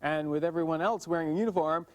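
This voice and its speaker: A man narrating a scripted language lesson, sounding out words slowly and carefully. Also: fairly high pitch, a little mellow. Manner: slow, careful pronunciation drills. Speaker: language teacher.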